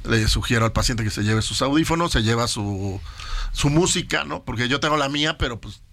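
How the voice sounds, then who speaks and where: A man, a dentist guest explaining things in casual chat, with many pauses and fillers. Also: medium pitch, lively intonation, a bit bright.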